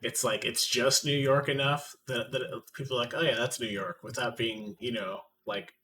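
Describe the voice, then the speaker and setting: A man's voice: medium pitch, steady tone, moderate pace, distant mic, background noise. A man acting as game master, narrating a tabletop game casually with many fillers and restarts.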